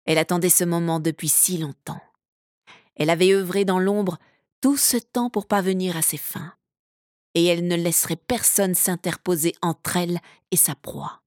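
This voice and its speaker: Woman narrating an audiobook, low-pitched. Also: moderate pace, darkish tone, no room sound, clean studio sound.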